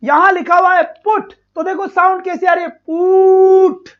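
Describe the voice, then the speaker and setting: A male teacher leads a live online exam-prep class with a strikingly high voice. He talks with relentless energy, showering students with loud praise. The stream audio is dull and lo-fi. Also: fairly even intonation, fairly quick.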